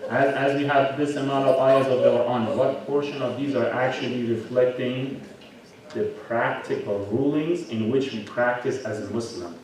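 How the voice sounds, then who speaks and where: This is a man's medium-pitched, slightly mellow voice, steady in tone and moderate in pace, giving an interactive sermon lecture. He keeps it conversational with frequent rhetorical questions and "right?" tags. He was recorded from a distance in a large, very echoey religious hall where the congregation can be heard.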